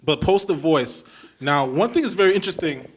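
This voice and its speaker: A man's voice: a little high, expressive, a little fast, slightly rough. A male podcast host from Brooklyn, talking in an easygoing, chatty way. He asks long, winding questions with a lot of enthusiasm and keeps the conversation loose and friendly. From Brooklyn, New York. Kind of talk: casual interview chat.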